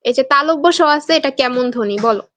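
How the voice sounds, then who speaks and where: A woman's voice: high voice, fast talker, sharp tone, a little hiss or hum. A young woman from Bangladesh teaching an online exam-prep class, quizzing students and reading their answers aloud with a playful, teasing manner.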